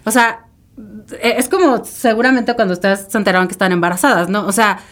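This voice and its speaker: A woman's voice: medium pitch, fairly quick, fairly bright tone. A woman, a podcast guest telling a personal story in an emotional, rambling way with many fillers and tag questions. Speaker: interview guest.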